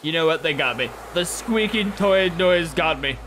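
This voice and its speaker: A man's voice: fairly high pitch, lively intonation, moderate pace, soft background music. A young man giving casual reaction commentary indoors. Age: young adult. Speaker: reaction host. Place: indoor room at a computer. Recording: loud cartoon audio behind voice.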